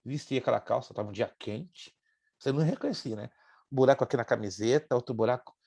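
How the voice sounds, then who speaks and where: A pastor in his sixties teaching a Bible class, telling a personal story in an animated way and acting out the voices in it. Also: medium pitch, fast talker, gravelly, breathy edge. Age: 60s. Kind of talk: sermon-style lesson with personal story.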